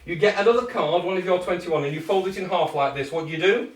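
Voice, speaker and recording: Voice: mid-range voice, fast talker, a crowd in the background. British kids' party magician, echoey and distant. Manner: kids' party magician patter, encouraging and jokey; checks often with short questions to the group. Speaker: children's party magician leading a craft activity. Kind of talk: hands-on step-by-step instruction to children. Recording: echoey room, distant microphone.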